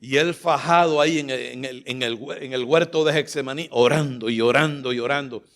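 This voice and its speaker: A man preaching a sermon, impassioned and fervent, climbing to loud exclamations and at times choked with emotion. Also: medium pitch, fairly quick. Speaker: pastor. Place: church sanctuary.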